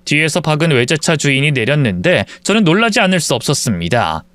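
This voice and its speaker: High-pitched man telling a story. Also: big pitch swings, a little fast, fairly bright tone, no echo. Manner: reads the wife's part in first person, voicing both sides of arguments. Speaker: story narrator. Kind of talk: scripted storytelling of a real-life story.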